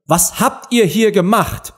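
A man voicing a furious, shrieking queen in a storybook reading, barking commands in a high shrill voice. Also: slow pace, slightly rough, full character voice.

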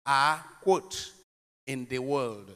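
A male priest reading the Gospel and posing homily questions in a slow, deliberate, solemn way, phrases swelling and fading, with a long cathedral-like echo around him. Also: mid-range voice, fairly bright tone, clear, resonant tone.

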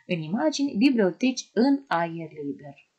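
A woman primary school teacher giving an online lesson to young children, asking them questions in a gentle, sing-song way. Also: medium pitch, big pitch swings, husky, muffled recording.

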